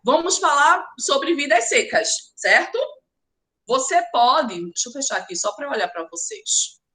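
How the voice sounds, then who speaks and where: A woman's voice: high voice, big pitch swings, measured pace, sharp tone. A woman with a Brazilian accent teaching a literature class online, urging her students on and calling them by name. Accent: Brazilian Portuguese. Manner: emphatic, urging, talks straight to students by name. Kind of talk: live online class lecture.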